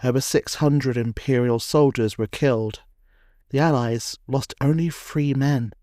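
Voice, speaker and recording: A man narrating a history documentary from a script, in a measured, dramatic storytelling cadence. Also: medium pitch, dark tone, dry recording, clean studio sound.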